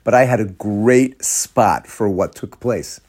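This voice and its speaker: Animated storytelling rabbi, man. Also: fairly low pitch, takes it slowly. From Atlanta. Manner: animated storyteller, acts out quoted voices with laughs. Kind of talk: storytelling sermon.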